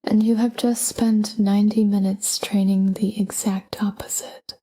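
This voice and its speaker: In a rough recording, a woman whispers a guided sleep meditation in a very breathy, airy voice. She speaks slowly and calmly, her pitch staying nearly flat. Her gentle delivery comes in short phrases with space between them.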